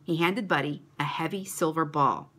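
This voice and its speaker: A woman reading a children's story aloud to a church kids' club, expressive and animated. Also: deep voice, moderate pace.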